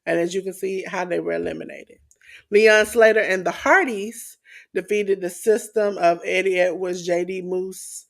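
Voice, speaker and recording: A woman's voice: on the low side, steady tone, moderate pace, creaky. A tired woman co-hosting a podcast, reading out wrestling results with showy announcer flourishes. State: sleepy. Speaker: podcast co-host.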